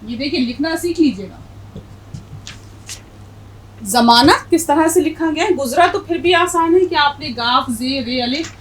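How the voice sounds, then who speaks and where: A middle-aged woman speaks in a slightly high voice as she teaches a language lesson. She talks slowly and patiently, spelling words out letter by letter and stressing correct pronunciation. A faint hiss sits under the recording. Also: low-quality recording. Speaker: Urdu teacher.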